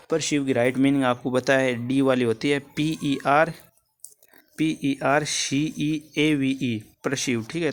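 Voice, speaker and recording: A man teaching English grammar for an exam in Hindi, going through answers step by step, repeating key words and checking in with his students. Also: medium pitch.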